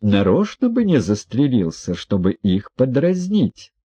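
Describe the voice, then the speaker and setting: A man's voice: mid-range voice, sing-song, measured pace, dark tone, husky, voice pushed up. A man doing a disdainful aristocrat. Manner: squeamish, dismissive. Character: disdainful, worldly aristocrat, mocking. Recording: dull dry audiobook recording.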